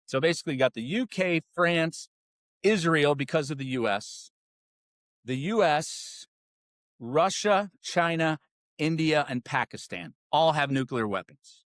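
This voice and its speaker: A man's voice: on the high side, lively intonation, measured pace, fairly bright tone, dry recording, clean studio sound. A man hosting a political podcast, ranting with angry, sarcastic, profane commentary. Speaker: podcast host.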